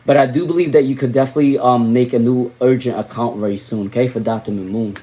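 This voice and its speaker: A young adult man from Rhode Island giving live tarot readings on a stream, repeating viewers' names and muttering softly while he draws cards. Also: medium pitch, fairly even intonation, fast. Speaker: tarot reader.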